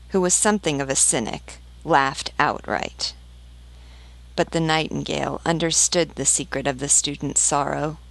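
A woman reading a fairy tale aloud in a calm, measured way. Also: low voice, gravelly, no room sound. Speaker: storyteller. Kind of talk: storybook read-aloud.

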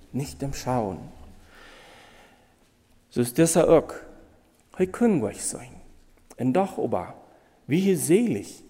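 Slow, reverberant Low preacher. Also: male voice, dark tone. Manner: halting, emotional, repeats phrases. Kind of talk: sermon.

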